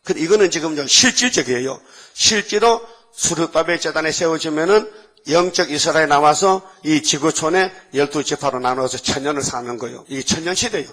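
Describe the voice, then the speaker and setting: Man preaching at dawn service, voice on the high side, acts out the bible people, keeps asking the crowd stuff. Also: brisk. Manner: animated storytelling, acting out biblical characters in dialogue; conversational, asks the congregation questions. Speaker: pastor. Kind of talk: dawn worship sermon.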